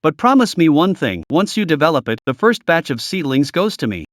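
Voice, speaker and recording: An actor playing a generous veteran nursery owner who speaks in a lively, skeptical way in a dubbed drama. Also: male voice, fairly high pitch, fairly quick, no echo, studio quality. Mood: hearty.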